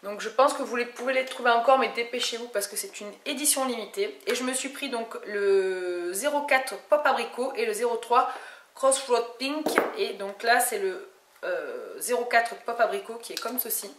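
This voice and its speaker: A woman's voice: a little high, expressive, normal speed, a bit bright. Chatty French woman in an echoey room. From France. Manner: chatty, many hesitations and restarts. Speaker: beauty vlogger. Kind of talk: casual haul video chat. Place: home room. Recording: echoey room with faint noise.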